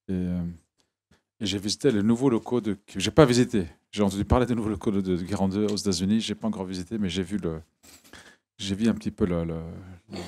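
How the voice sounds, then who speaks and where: A man in giving a public talk to an audience, halting and often repeating words. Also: fairly low pitch, a little mellow. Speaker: guest speaker.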